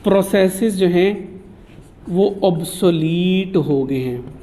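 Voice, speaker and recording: A man's voice: sits high, slow pace, mellow. A man giving a chatty classroom lecture, teasing his students and mixing in English terms. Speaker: teacher.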